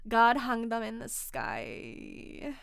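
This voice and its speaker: Woman mimicking a smug mean girl with vocal fry. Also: on the high side, sing-song, very slow, no echo, clean studio sound, full character voice. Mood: condescending. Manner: smug, repetitive, condescending.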